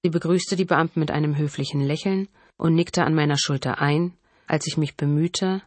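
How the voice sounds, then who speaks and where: A woman's voice: low voice, steady tone, a little mellow, dry recording. Woman narrating a thriller audiobook. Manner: measured, dramatic storytelling. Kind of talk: first-person scripted narration.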